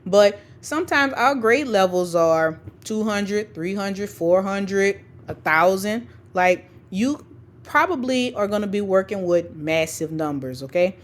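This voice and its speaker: Her medium-pitched voice is expressive and measured as she narrates a screen-recorded spreadsheet tutorial for educators. She dictates formulas bit by bit, walks through each step, and keeps things informal with frequent "okay" and "right" check-ins.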